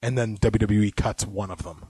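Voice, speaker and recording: A man's voice: on the low side, fairly even intonation, normal speed, mellow, breathy edge, dry recording. A man co-hosting a casual wrestling podcast while sick, opinionated and rambling, sometimes dropping to muttered asides. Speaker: podcast co-host.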